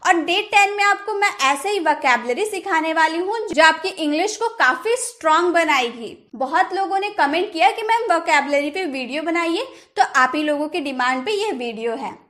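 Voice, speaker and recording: A woman English teacher with an Indian accent giving a vocabulary lesson, repeating each word slowly and reading out example sentences. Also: very high voice, animated, pushed and bright.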